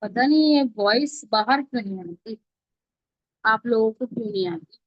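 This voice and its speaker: An Indian woman teaching mobile video editing online runs an informal live step-by-step tutorial, checking in with her learners along the way. Her voice is on the high side, with lively intonation at a normal speed. The audio is close, dry, dull, and lo-fi, with no room sound.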